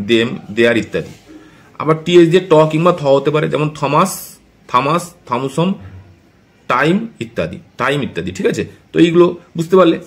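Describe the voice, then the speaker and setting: A man teaching English pronunciation in Bengali, explaining step by step. He checks in with his students often and slows down to spell out example words. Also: fairly high pitch. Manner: checks in often with a tag question.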